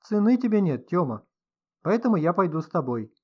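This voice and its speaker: A man's voice: high voice, big pitch swings, brisk, slightly rough, highs cut off, voice pushed up, full character voice. A man reading an audiobook, voicing a sardonic, commanding host of a house. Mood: needling. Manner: ironic, commanding. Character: sardonic middle-aged male host of the house, mocking.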